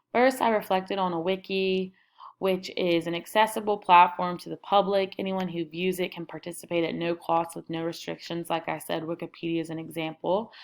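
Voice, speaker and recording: Young woman narrating a screen recording, gravelly fry. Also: on the low side. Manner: casual, upbeat listing of items. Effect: screen recording voice-over. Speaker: student presenting her class website.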